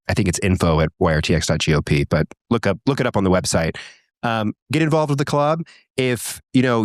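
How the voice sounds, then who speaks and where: A man's voice: on the low side, dry recording. A man in his twenties, a guest in a studio conversation, talking in an earnest, encouraging way with some restarts. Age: 20s. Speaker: guest, young political organizer.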